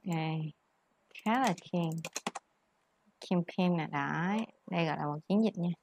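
A woman's voice: fairly low pitch, measured pace, vocal fry, background noise. A woman teaching English, patiently explaining word stress and mixing English words into her explanations. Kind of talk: tutoring lesson on word stress.

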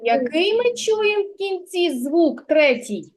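A woman teacher leads preschoolers through a literacy lesson in a kindergarten classroom. Her voice sits high, and she talks at an unhurried pace. She sounds out letters and words slowly and clearly so the children can follow. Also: very animated. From Ukraine.

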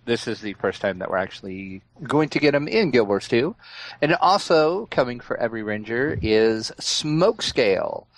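A man co-hosting a casual gaming podcast, calmly explaining new features step by step. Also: mid-range voice, normal speed, no room sound, poor audio. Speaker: podcast co-host.

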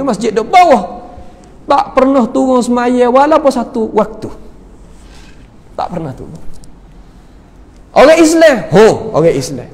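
High-voiced Malay preacher in echoing mosque. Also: male voice. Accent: Kelantan/Patani Malay. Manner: storytelling, quotes Arabic verses then explains them. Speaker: religious teacher. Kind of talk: Quran commentary lesson.

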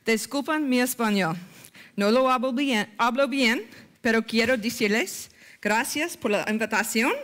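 American-accented woman speaking halting, slow Spanish. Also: a little high, a bit bright. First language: English. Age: middle-aged. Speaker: guest conference speaker. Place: indoor conference stage. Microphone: headset.

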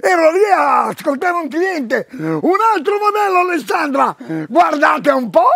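An older man pitches goods on a TV shopping broadcast, calling out to viewers with loud exclamations. His voice sits very high yet is heavily gravelly, and he takes his time over each phrase. The sound is dry and close. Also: very animated, unhurried, no echo. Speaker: TV shopping presenter. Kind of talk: live store sales pitch. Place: shop floor.

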